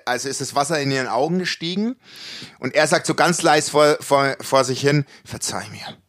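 A man spins a meandering anecdote in relaxed podcast chat. His voice sits a little high for a man. He restarts sentences often and leans on colloquial slang. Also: brisk. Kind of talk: casual chat, storytelling.

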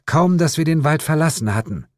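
A man voicing a sharp-tongued, worried mother in an audiobook, snappy and indignant, raised well above his own pitch. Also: lively intonation, a little fast, no echo, studio quality, lightly acted. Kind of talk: audiobook character voice.

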